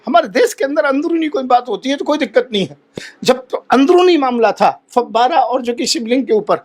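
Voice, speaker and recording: Brief: male holy man as debate guest, husky high voice, passionate and pleading, repeats his points. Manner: impassioned, pleading, repeats himself. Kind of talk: heated televised debate.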